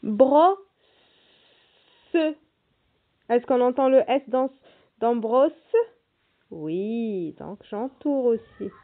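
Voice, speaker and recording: A woman teacher slowly and patiently walking young children through a reading and writing lesson, spelling out letters and sounds. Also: fairly high pitch. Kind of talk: primary school reading lesson. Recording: tinny phone-like audio.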